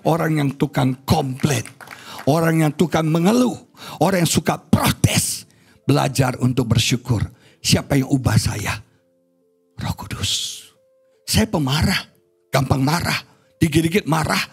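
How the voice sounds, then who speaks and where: A man's voice: on the high side, a little slow, gravelly, long pauses, slightly rough, soft background music. A man with an Indonesian accent, a pastor preaching a sermon, telling stories expressively and speaking straight to the congregation. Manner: storytelling, expressive, addresses congregation as saudara. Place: church auditorium.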